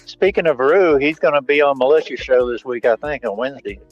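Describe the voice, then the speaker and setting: A man making lively, joking interjections during a casual livestream chat. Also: medium pitch, brisk, dull audio, soft background music.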